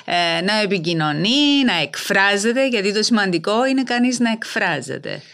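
A woman's voice: medium pitch, big pitch swings, a bit bright. A woman hosting a casual podcast chat, agreeing often and repeating herself. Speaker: podcast host.

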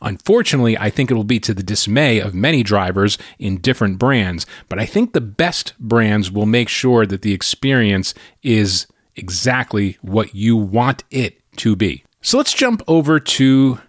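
A man's voice: on the low side, expressive, moderate pace, few pauses, no echo, studio quality. A man hosting a podcast, explaining things in a conversational way and often checking in with tag questions. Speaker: podcast host. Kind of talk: solo podcast monologue.

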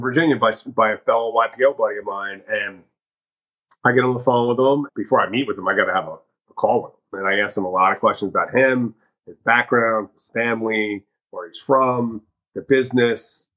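A man's voice: medium pitch, bright, forceful tone, highs cut off. A man from the US Northeast telling blunt, conversational sales stories on a podcast. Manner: blunt, conversational, acts out his own quoted lines. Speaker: sales guest. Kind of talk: casual podcast storytelling.

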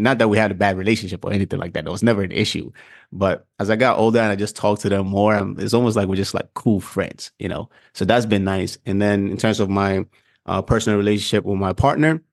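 Earnest and reflective, a young Ghanaian podcast co-host talks loosely and casually in a lowish voice. The recording is dry, with clean studio sound.

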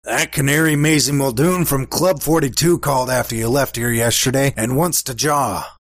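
A man's voice: medium pitch, moderate pace, no echo, studio quality, lightly acted. A man playing a tough, terse 1940s private eye with slangy hardboiled talk in a radio parody. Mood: tough, businesslike.

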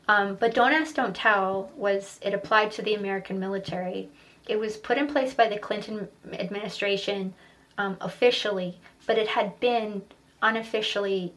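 A woman in her thirties hosting a podcast alone, telling stories casually with lots of swearing and rambling asides. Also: mid-range voice. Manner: profane, rambling, animated when retelling stories. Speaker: podcast host. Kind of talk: casual solo podcast storytelling.

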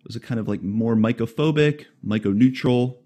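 A man with a warm, mid-range voice hosts a podcast at normal speed. He starts by reading a prepared intro, then settles into a casual chat, asking friendly, meandering questions with the occasional light joke.

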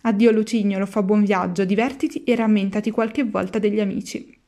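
A woman's voice: medium pitch, steady tone, a little fast, mellow, close to an everyday voice. A woman voicing an eager wooden puppet boy who is easily tempted, asking wistful questions. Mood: firm.

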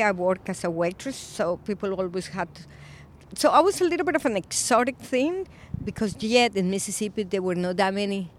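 A Colombian-born woman in her fifties, an Episcopal priest, speaking thoughtfully in a recorded interview, with frequent pauses and fillers. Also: mid-range voice, a little hiss or hum. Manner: reflective, soft-spoken with frequent pauses and fillers.

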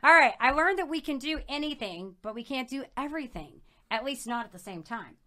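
Woman, podcast host, fairly high voice, bubbly, enthusiastic, quick laughs. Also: animated, sharp tone. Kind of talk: casual interview chat.

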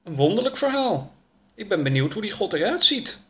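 A man's voice: high-pitched, very animated, normal speed, bright, forceful tone, pitched above the performer's own voice, exaggerated voice. A man voicing a touchy, sulky talking duck in a storybook reading, sarcastic and indignant. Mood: curious.

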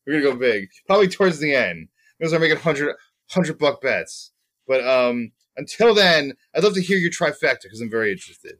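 A man's voice: fairly high pitch, a bit bright. A man co-hosting a podcast, chatting casually about racing bets, rambling and joking with lots of ums. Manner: rambling, jokey, many ums. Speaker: podcast co-host.

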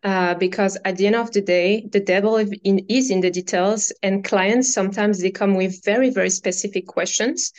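A podcast guest and brokerage founder from France, she gives casual interview answers earnestly in a French accent, with fillers and phrases she repeats. Her voice is mid-range and a little mellow.

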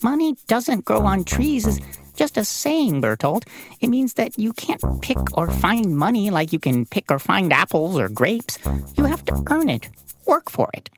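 A woman's voice: mid-range voice, sing-song, measured pace, soft background music. A woman voicing a patient, explaining winged sidekick who corrects her friend.

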